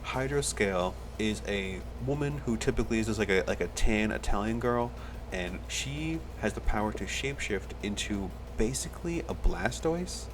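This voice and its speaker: A man's voice: lowish voice, expressive, moderate pace, background noise. A man running a tabletop game as game master, explaining rules and describing scenes at length.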